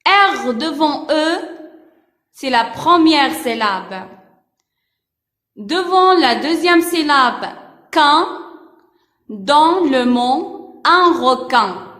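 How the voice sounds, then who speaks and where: A high-voiced woman teacher leads a reading lesson for first graders, spelling out each syllable with deliberate, repeated care. The recording carries a roomy echo with a long trailing reverb. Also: expressive, fairly bright tone. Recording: echoey room with long reverb.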